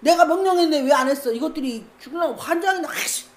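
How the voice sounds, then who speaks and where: An angry, hot-tempered king barks gruff orders and threats, played by a woman preacher. Her voice stays fairly high even in the role. It echoes in a roomy space. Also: fast. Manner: gruff barking commands.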